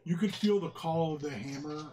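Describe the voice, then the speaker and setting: Around a crowded table in a small room, a man serves as dungeon master for a tabletop roleplaying game among friends, narrating the action in vivid descriptive detail. His voice is mellow and a little high, and he speaks at a moderate pace.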